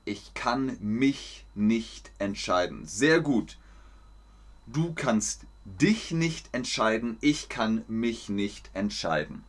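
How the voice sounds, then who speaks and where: A man teaching a German lesson on a stream, speaking slowly and clearly, repeating words for learners and adding lively sounds and laughs. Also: on the low side.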